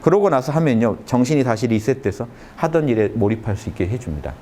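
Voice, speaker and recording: A man giving a lecture to young adults in a conference room, talking listeners through a calming exercise with short repeated phrases and emphatic stresses. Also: fast. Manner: lively, emphatic delivery with sudden rises in pitch. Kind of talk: motivational humanities lecture.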